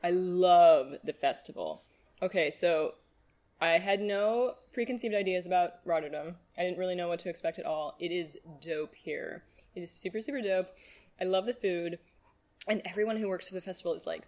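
A woman with a lowish voice speaks in a loose, casual style. She rambles playfully and uses plenty of slang. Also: expressive, normal speed, darkish tone. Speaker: festival guest being interviewed, poet. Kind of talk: casual chat.

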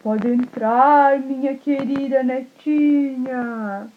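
A woman's voice: sits high, fairly even intonation, phone-quality sound, slight background noise. Woman doing a sly big bad wolf. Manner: slow, drawn-out sweet disguise voice.

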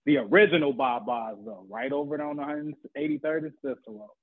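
A man's voice: fairly high pitch, a little fast. A man, talking in a laid-back, slangy way and swearing freely in casual chat. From Chicago south suburbs. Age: 30s. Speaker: podcast guest. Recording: dry phone-like sound.

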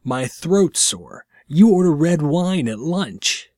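A man's voice: fairly high pitch, expressive, takes it slowly, a little mellow, no room sound, clean studio sound, pitched above the performer's own voice. A man voicing a stressed young businessman who complains about his bad day. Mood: exasperated. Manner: exasperated complaining.

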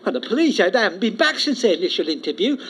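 A man's voice: sits high, very animated, quick pace, a bit bright, husky, heavily acted. A man playing a timid, stammering widower in a radio comedy. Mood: nervous. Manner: stammering, hesitant.

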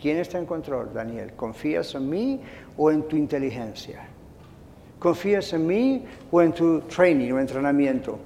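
A calm, patient God speaks softly and low, soothing and shushing, as a pastor puts him on in a sermon. The quiet voice sits far below the preacher's usual speaking pitch. It rings out with the long echo of a church hall. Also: male voice, normal speed, vocal fry, slight background noise. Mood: soothing hushed. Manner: hushed, soothing, repeated shushing.

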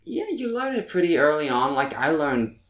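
A Norwegian musician, first language Norwegian, speaks in a slightly high, fairly bright voice at normal speed, sounding very animated. During this casual interview chat he rambles and keeps restarting his thoughts.

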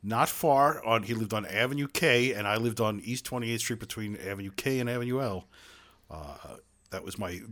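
Self-mocking Brooklyn podcast host. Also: male voice, fairly low pitch, moderate pace, a bit bright. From Brooklyn, New York. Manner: self-deprecating, many "uh" fillers, chuckling. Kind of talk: casual chat.

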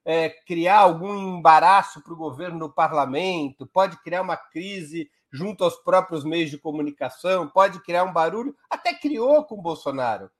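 A man's voice: on the high side, lively intonation, moderate pace, hardly any pauses, fairly bright tone. A man with a Brazilian Portuguese accent, a guest commentator explaining politics live on a talk show in an emphatic, step-by-step way.

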